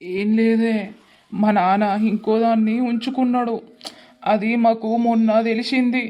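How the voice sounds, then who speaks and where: A woman's voice: on the high side, little pitch movement, a little slow, dull audio, close to an everyday voice. A woman voicing a young male college student, talking in a sorrowful, complaining way for a village cartoon.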